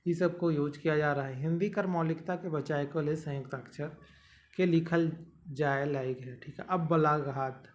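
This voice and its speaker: Casting note: young male tutor, slightly high voice, patient step-by-step explaining. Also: fairly even intonation, moderate pace, a little hiss or hum. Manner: explains step by step, repeating and checking "ठीक है". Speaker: teacher. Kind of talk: exam-prep grammar lesson.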